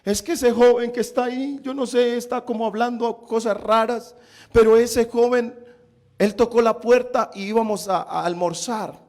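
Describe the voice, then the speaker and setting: A man's voice: very high voice, fairly even intonation, normal speed, darkish tone, voice pushed up. A man voicing an astonished woman, a mother, telling what happened in her home. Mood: explaining. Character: amazed mother of a grown son, excited woman.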